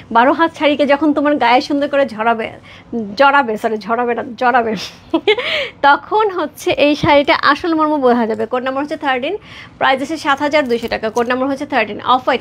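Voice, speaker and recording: Her voice sits high as this thirty-something Bangladeshi woman sells sarees on a live stream. She chats with viewers and rattles off quick, repetitive sales patter.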